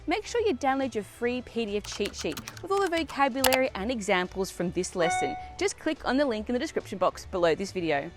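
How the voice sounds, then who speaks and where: A native English-speaking woman with a slightly high voice teaches as a non-native language teacher. Her lesson to viewers is scripted and delivered emphatically.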